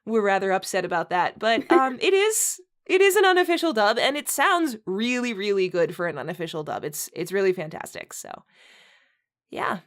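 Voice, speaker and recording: A woman with a mid-range, sing-song voice hosts a comedic read-aloud at a normal pace, mixing in casual chat. She's giggly and keeps breaking into laughter as she talks, acting as both host and reader.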